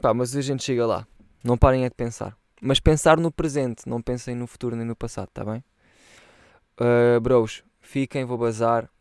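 A man's voice: mid-range voice, fairly even intonation, moderate pace, a little mellow, clear, resonant tone, no room sound, studio quality. A young man chatting casually on a solo podcast, rambling in loose slang and swearing freely. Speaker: podcast host.

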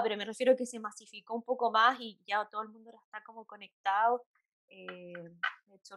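A woman from Chile with a Chilean Spanish accent, a psychologist chatting as a guest, with many fillers and soft laughs. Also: medium pitch, no echo. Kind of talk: casual interview chat.

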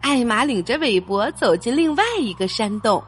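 A woman reading a picture book aloud for children in an expressive storytelling way. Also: a little high, normal speed, faint music behind.

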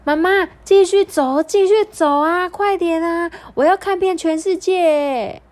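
A woman voicing an excitable young boy kangaroo in a children's story, talking in bouncy, eager bursts that repeat themselves. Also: very high voice, a little slow, voice pushed up.

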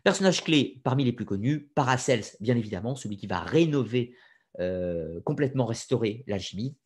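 A man of middle pitch explains his subject in an unscripted lecture, pausing on fillers and restarting his sentences. He talks straight to his listeners and drops frank personal opinions along the way. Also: animated, darkish tone, husky. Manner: addresses listeners directly, opinionated asides. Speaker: lecturer on occult history.

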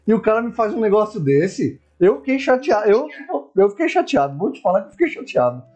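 A man, co-hosting a casual gaming chat, jokey and expressive. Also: high voice, brisk, muffled recording. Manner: jokey, expressive, calls friend "irmão". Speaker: podcast co-host. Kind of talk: casual chat about video games.

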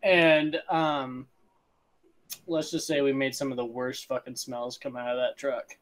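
A man's voice: mid-range voice, little pitch movement, a little slow. A young man co-hosting a podcast, telling crude stories in casual banter, swearing freely and laughing often. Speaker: podcast co-host.

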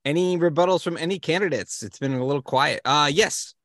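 A man's voice: on the high side, brisk, a bit bright, no room sound, studio quality. A man moderating a mock-formal comedy podcast debate in a wry, mock-formal way.

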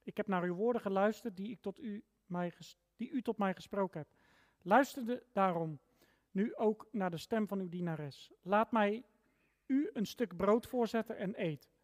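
A preacher delivers a sermon in a mid-range voice, reading a long Bible passage aloud. Single words are pressed out with force before the voice falls back quietly. The sound carries a long reverb from a large church hall. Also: medium pitch, moderate pace. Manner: emphatic, stressing single words with sudden rises and drops in loudness.

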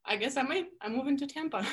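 With a high-pitched voice at a moderate pace, a Russian-accented woman from Russia in her thirties appears as a guest in a casual interview. Her storytelling is animated and sprinkled with many fillers.

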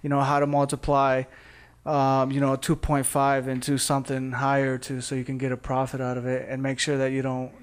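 A man's voice: medium pitch, completely flat delivery, brisk, smooth. A man from Costa Rica, a guest artist in a casual podcast chat, talking in a loose, candid way with lots of fillers.

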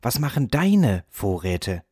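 A man putting on a squeaky little storybook mouse chorus, eager and nosy, raised voices, always asking. the room sounds dry and close. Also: very animated, takes it slowly, a little mellow, slightly rough, no room sound, full character voice. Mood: questioning. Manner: high, pleading questions. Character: chorus of small eager field mice.

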